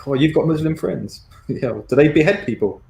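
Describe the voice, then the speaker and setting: A man's voice: a little high, expressive, normal speed, vocal fry, darkish tone. Defensive man talking over others, echoey room. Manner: defensive, repetitive, interrupting. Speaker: guest caller. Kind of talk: heated debate.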